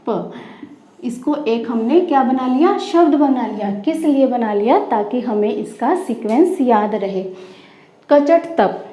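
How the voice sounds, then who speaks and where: High-voiced woman teaching a grammar lesson. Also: dark tone. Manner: asks the class questions and answers them herself, repeating key terms. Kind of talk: Hindi grammar lesson for schoolchildren. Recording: roomy, dull lo-fi classroom recording.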